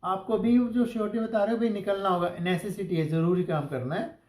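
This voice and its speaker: A man's voice: high-pitched, steady tone, fairly quick, a little mellow, reverberant, rough recording. A male English teacher giving a classroom grammar lesson, asking the class questions and spelling out example sentences word by word.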